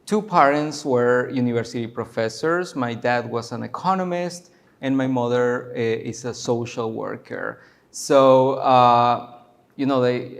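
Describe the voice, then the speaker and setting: Chatty man from Guatemala, curator talk. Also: mid-range voice. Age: 40s. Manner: loose and chatty, many fillers and restarts. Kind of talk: casual public talk. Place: university lecture room.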